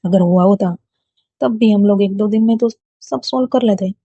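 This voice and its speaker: A woman's voice: medium pitch, normal speed, warm tone, breathy edge, no echo. A woman reading a storybook voicing a polite, reassuring young woman friend speaking on the phone. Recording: dull lo-fi dry recording.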